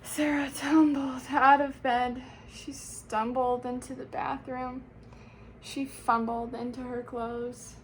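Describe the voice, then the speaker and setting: A woman with a high voice at the front of story time, narrating a picture book to small children. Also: level tone, slow pace, slight background noise. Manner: addresses young listeners with questions. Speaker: teacher reading aloud to children.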